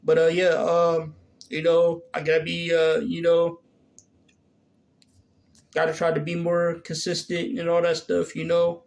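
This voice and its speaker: Hesitant man in his thirties, flat creaky voice. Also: fairly high pitch, unhurried, pauses often. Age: 30s. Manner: hesitant, many fillers and restarts. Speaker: vlogger. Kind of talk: casual Q&A vlog.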